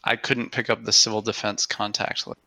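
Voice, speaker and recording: Guy playing along, short low-key replies, bright gravelly voice. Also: flat delivery, moderate pace, dry recording. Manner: brief, low-key reactions. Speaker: co-player. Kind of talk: casual let's-play chat.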